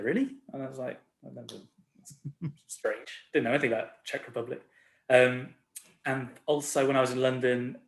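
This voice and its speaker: Easygoing middle-pitched guy in his 40s, self-deprecating, chuckly, echoey room. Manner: laid-back, rambling, self-deprecating, chuckles often. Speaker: record label owner, guest. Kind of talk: casual chat. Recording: roomy echo.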